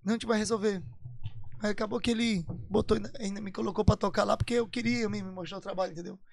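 A man's voice: high voice, steady tone, quick pace, vocal fry, a little hiss or hum. A man from Parintins, telling his story as a guest musician in a casual, emphatic way, repeating phrases for weight. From Parintins, Amazonas, Brazil.

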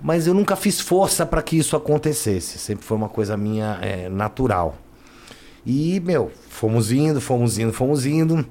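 A man's voice: mid-range voice, lively intonation, normal speed, a little mellow. A man, a guest telling his life story in casual, slangy talk that leans on "né" and "cara". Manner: slangy, keeps adding "né" and "cara". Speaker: interview guest.

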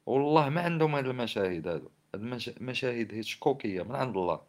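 A man with a Moroccan Arabic accent delivers heated social commentary at a rapid clip. His voice sits at an average male pitch. He sounds indignant and scolding, pressing his points with one rhetorical question after another. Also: lively intonation, darkish tone. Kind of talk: impassioned spoken commentary on society and government.

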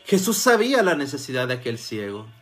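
A man preaching a sermon, dropping to soft murmurs and then rising to loud fervent cries as he calls out to his listeners as brothers. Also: mid-range voice, very animated, a little fast, soft background music.

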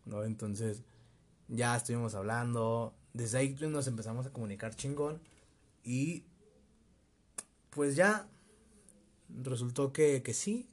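A young man with a Mexico City accent, telling a personal story in a casual, slangy, animated way with bits of laughter. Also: medium pitch, takes it slowly, pauses often. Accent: Mexico City Spanish. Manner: slangy, laughing, animated retelling with quoted voices. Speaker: vlogger.

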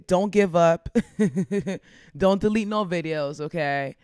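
A woman's voice: lowish voice, slow, a little mellow, no echo, studio quality. A woman content creator giving casual, upbeat advice in a chatty way, laughing often.

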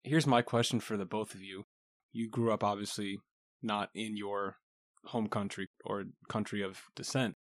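A man co-hosts a casual podcast and asks his guests direct questions. His voice sits a little low and sounds dry and close. He stays curious and engaged. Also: steady tone, normal speed, no room sound. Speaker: podcast co-host. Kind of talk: casual chat.

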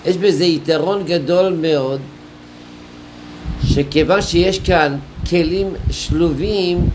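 Deliberate, slightly high-voiced male rabbi lecturing. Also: slight background noise, poor audio. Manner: explanatory, storytelling with anecdotes and rhetorical questions; deliberate, drawn-out phrasing with pauses. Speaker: rabbi teaching Torah. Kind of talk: Torah lecture.

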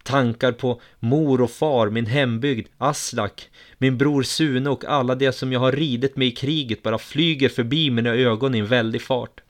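A man reading a first-person story aloud in a steady, measured way. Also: medium pitch.

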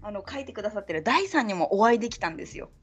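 A woman from Saga with a Kyushu dialect, hosting a podcast in casual chat and quickly chiming in agreement. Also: medium pitch, expressive, breathy edge. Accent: Kyushu dialect, Chikugo-tinged. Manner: chatty, quick agreeing interjections. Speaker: podcast host.

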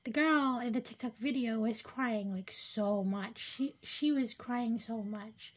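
A woman's voice: a little high, a little slow. A young woman hosting her own podcast, chatting casually and rambling in a self-deprecating way, sometimes dropping to a whisper. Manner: rambling, self-deprecating, drifting between whispers and louder bursts. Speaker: podcast host. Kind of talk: casual solo podcast chat.

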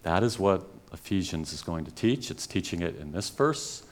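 A man preaching a sermon as pastor, earnest and pleading, building to emphatic peaks and then dropping quiet. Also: low-pitched, lively intonation, normal speed.

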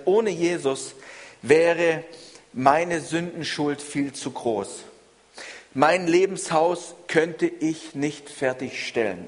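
Male preacher, earnest sermon delivery, slightly high voice, long hall reverb. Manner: earnest, measured preaching with repeated phrases.

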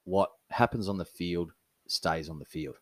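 A man's voice: low voice, unhurried, dry recording. A man with an Australian accent, co-hosting a podcast and telling stories in casual chat, laughing often. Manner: storytelling, laughs a lot, animated. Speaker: podcast co-host.

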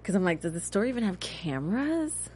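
A woman in her thirties hosting a casual TV recap chat, talking in a chatty, animated way with a touch of cynicism. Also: medium pitch, a little fast, a little hiss or hum. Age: 30s. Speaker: host.

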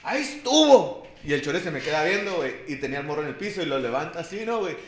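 Young mexican guy, higher voice, spinning a slangy barroom tale in an echoey room. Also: rapid-fire, fairly bright tone, a little hiss or hum. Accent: Mexican Spanish. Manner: slangy, peppers every phrase with a filler, acts out voices in quotes. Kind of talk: casual storytelling chat.

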